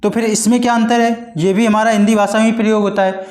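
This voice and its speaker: A man teaching a Hindi grammar lesson for exam preparation, explaining slowly and repeating points, with frequent check-ins. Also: high voice, little pitch movement, a little mellow, roomy sound.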